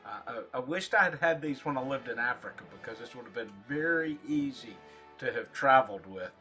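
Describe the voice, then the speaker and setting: A man giving a casual, rambling product review in short, halting phrases, as a reviewer talking to his viewers. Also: medium pitch, lively intonation, bright, forceful tone, soft background music. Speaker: pipe tobacco reviewer.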